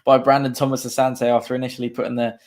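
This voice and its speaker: A man's voice: mid-range voice, little pitch movement, fast, a little mellow. Man live fan commentary. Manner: chatty, reads viewer comments aloud. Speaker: fan channel co-host.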